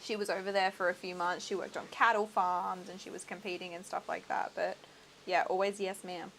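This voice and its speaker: A woman's voice: lowish voice, fairly even intonation, a little fast, vocal fry, fairly bright tone, a little hiss or hum, low-quality recording. A young adult woman with an Australian accent, hosting a livestream and chatting casually while she crafts, laughing often. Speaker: livestream host. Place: home crafting setup.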